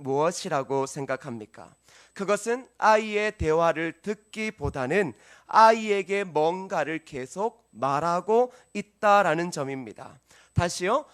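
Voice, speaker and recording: A male pastor delivers a sermon in a church sanctuary. His voice sits fairly high for a man. He preaches earnestly and keeps turning to the congregation with questions. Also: fairly bright tone.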